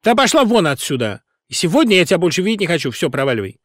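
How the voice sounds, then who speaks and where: A man voicing a spiteful, hysterical male pop singer who screeches insults in a very high, loud voice. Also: sing-song, rapid-fire, dry recording, clean studio sound, heavily acted. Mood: snarling.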